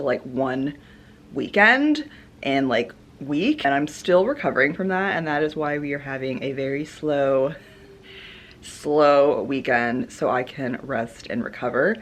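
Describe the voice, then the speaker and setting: Chatty low-voiced woman vlogger. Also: a bit bright. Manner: chatty, laughs often, many "like" fillers. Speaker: lifestyle vlogger. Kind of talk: casual chat to camera. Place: at home, indoors.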